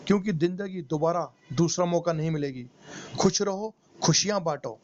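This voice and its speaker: A man's voice: sits high, darkish tone. A man, a meditation teacher, narrating a motivational first-person story in an emotional, pleading way. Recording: dull lo-fi recording with faint noise.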